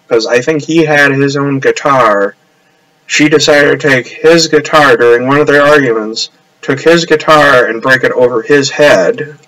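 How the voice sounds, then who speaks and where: A man's voice: mid-range voice, fairly bright tone, poor audio. A man rambling casually on a live stream from his upstairs apartment, trailing off and restarting often.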